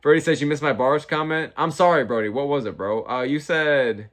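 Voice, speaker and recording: A man's voice: a little high, a little fast, fairly bright tone. A young man talking like a slangy, profane frat bro as he hosts a casual fight watch-along and answers chat. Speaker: livestream host.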